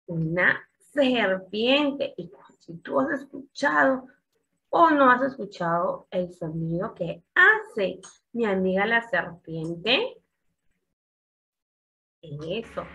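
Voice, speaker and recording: A woman's voice: mid-range voice, lively intonation, takes it slowly, long pauses, sharp tone, dull audio. A woman teaching young children a class in a coaxing, sing-song way.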